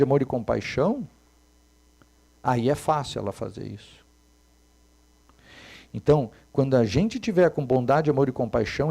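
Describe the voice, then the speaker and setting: A man, giving a Buddhist dharma talk as a meditation teacher, moving between soft and emphatic speech. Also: medium pitch, gravelly.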